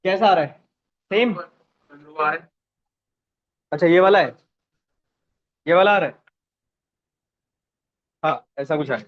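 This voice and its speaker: Leading a class live online, a high-voiced man frequently stops to see how his students are doing. The audio quality is dull and lo-fi.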